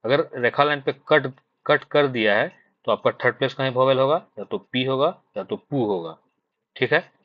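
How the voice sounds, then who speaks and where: In an online shorthand class for exam prep, a man from Jharkhand with a Hindi accent speaks at normal speed and ordinary pitch. He patiently repeats each point, uses plenty of fillers, and keeps asking "thik hai" to check in. The sound is close, dry and slightly muffled and dull.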